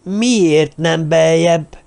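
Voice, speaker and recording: A man voicing an irritable elderly dwarf leader who talks in a slow, emphatic, snapping way. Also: medium pitch, expressive, a little mellow, lightly acted. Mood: irritable, commanding.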